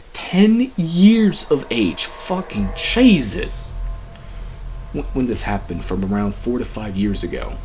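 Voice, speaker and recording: A young man talking in a heated, profane, repetitive rant for a commentary vlog. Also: lowish voice. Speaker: commentary vlogger.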